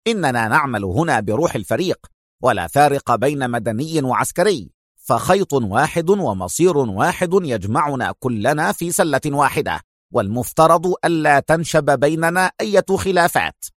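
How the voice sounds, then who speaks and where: A man voicing a stern young male team leader in an audiobook, speaking in a firm, measured way. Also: medium pitch, animated, no echo, clean studio sound, natural voice.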